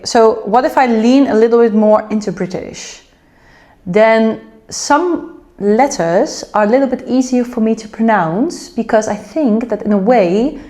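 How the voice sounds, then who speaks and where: A woman's voice: a little high, darkish tone. A young woman from the Netherlands with a Dutch accent, chatting casually in a home kitchen vlog while she cooks. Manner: chatty, rambling, self-aware. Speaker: vlogger.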